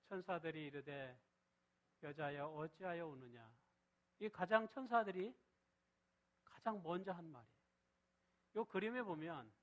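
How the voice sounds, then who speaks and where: A middle-aged man preaches to his congregation, his voice sitting a little above the usual male register. He keeps asking questions and answering them himself. He leans hard on key words, then drops to a quiet, low delivery when he reads scripture. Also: rough recording. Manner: shifts between loud stress and soft low reading. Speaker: pastor. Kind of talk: sermon.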